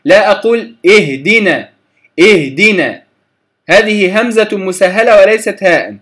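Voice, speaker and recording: A man teaching Quran recitation, slowly repeating letter sounds to contrast wrong and right pronunciation. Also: sits high, a bit bright. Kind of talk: lecture on letter articulation.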